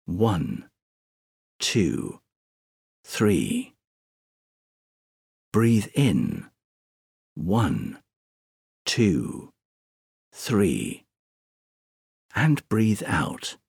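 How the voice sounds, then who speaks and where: A man with a low, gravelly, slightly husky voice guides a sleep meditation at an extremely slow pace, counting breaths with long pauses. His pitch rises and falls widely across each soothing phrase. The recording is close and dry. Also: sing-song, darkish tone, no room sound.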